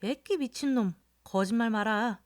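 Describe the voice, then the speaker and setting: A woman's voice: on the high side, unhurried, no room sound, clean studio sound, natural voice. A woman voicing a middle-aged male drinking companion who questions and scolds his drunk friend in a storybook reading. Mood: exasperated. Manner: exasperated questioning.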